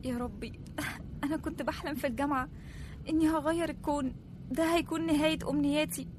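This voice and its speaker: Woman doing a tired young egyptian assistant reporter, polite but fed up, quick talker. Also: high-pitched, animated, slight background noise. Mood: muttering.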